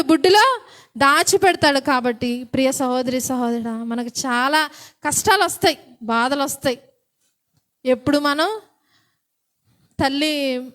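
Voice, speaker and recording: A woman's voice: high-pitched, fairly bright tone. A woman preaching a sermon, asking the congregation questions and then repeating the answers.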